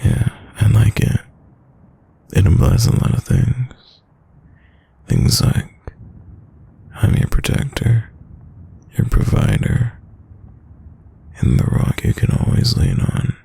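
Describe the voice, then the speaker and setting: A man performs a tender boyfriend in an intimate whispered role-play, protective and softly in charge. His low voice is heavily creaky and husky, with a dark, mellow tone. He murmurs soothingly, as if easing a partner toward sleep. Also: very animated, takes it slowly, long pauses, full character voice. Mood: affectionate, gently dominant. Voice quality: breathy, gravelly low voice.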